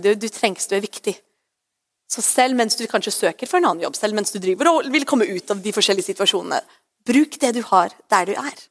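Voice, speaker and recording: A woman pastor preaching a sermon in a chatty, conversational way, often asking "right?" and slipping English phrases in. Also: mid-range voice.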